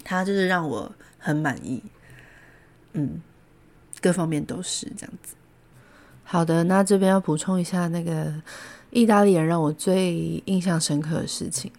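Taiwanese mandarin lady podcaster, giggly storytelling, kinda low voice for a woman. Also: normal speed, long pauses. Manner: giggly, animated, laughs often. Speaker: podcast host. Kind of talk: casual storytelling.

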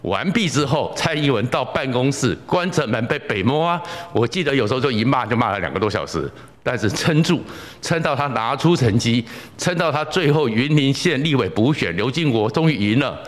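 A man's voice: mid-range voice, animated, fairly quick, in a large hall. A man hosting political commentary in an emphatic, lecturing way. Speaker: host.

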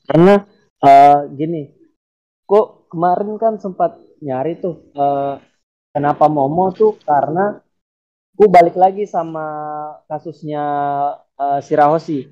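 A young man with a higher, mellow voice walks through his theory piece by piece in a relaxed podcast chat, stopping often to restart a sentence. The audio sounds dull and lo-fi. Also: measured pace, pauses often. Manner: explains a theory step by step, many fillers and restarts. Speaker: podcast co-host. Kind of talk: casual chat.

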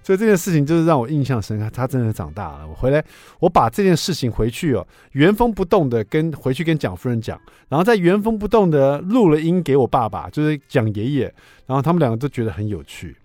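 Lively man chatting on radio. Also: mid-range voice, quick pace, no echo. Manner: lively, chatty, asks listeners for agreement. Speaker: radio show host. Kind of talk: casual storytelling on talk radio. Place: radio studio.

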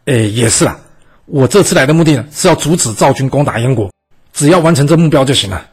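A man voicing a gruff, curious male enemy general who talks bluntly. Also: mid-range voice, expressive, quick pace, a little mellow.

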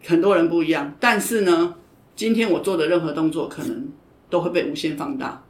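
A woman's voice: low voice, a little fast. Frank woman coach, echoey room. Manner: frank, emphatic, often repeats herself. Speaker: judo coach and podcast guest. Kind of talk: casual interview chat. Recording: roomy echo.

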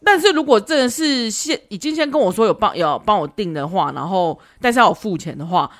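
Animated woman podcaster. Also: medium pitch, a little fast. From Taiwan. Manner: animated, laughs often while retelling. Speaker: podcast host. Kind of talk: casual storytelling.

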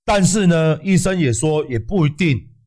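A man's voice: fairly high pitch, expressive, normal speed, darkish tone. Profane Taiwanese man ranting heatedly. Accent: Taiwanese Mandarin. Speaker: livestream host. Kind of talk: ranting livestream commentary.

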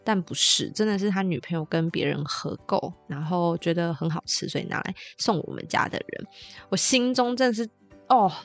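A woman's voice: on the low side, brisk, hardly any pauses, soft background music. A young woman with a Taiwanese Mandarin accent, hosting a podcast and telling a story in a chatty, playful, exaggerated way. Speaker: podcast host.

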